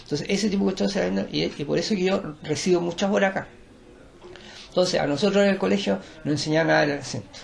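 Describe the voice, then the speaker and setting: Older man, Chilean accent, very gravelly voice, slightly high, digressive and lecturing. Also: quick pace. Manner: digressive, repeats words and restarts, lecturing. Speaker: art teacher and performer. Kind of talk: rambling conversational interview.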